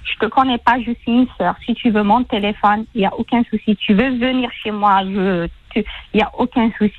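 A woman's voice: mid-range voice, steady tone, a little fast. A woman calling in to tell her story, rambling and repeating herself with many fillers, over a tinny phone line. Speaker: caller. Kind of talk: emotional call-in testimony.

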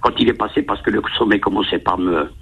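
A man's voice: fairly low pitch, fast, lo-fi sound, slight background noise. A man calling a radio show, rambling and repeating himself as he talks. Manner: rambling, repetitive. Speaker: caller. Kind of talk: phone-in conversation.

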